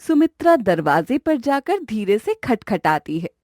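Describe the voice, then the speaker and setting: A woman narrating a cartoon story in a calm, even storytelling tone. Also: fairly high pitch, unhurried, dry recording, studio quality.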